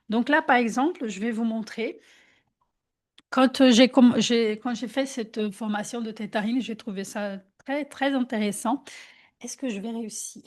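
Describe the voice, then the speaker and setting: A woman therapist leading a guided workshop over a video call, talking hesitantly with many fillers and restarts, gently instructing, into an external microphone. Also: fairly high pitch.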